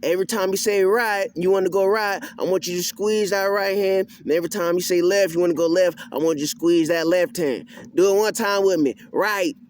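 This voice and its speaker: A man's voice: high-pitched, fairly even intonation, fairly quick, few pauses, a little mellow. A man giving a casual hands-on tutorial as an instructor, in folksy, colloquial country phrasing, patiently repeating each instruction step by step. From rural area. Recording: clear background noise, outdoor ambience.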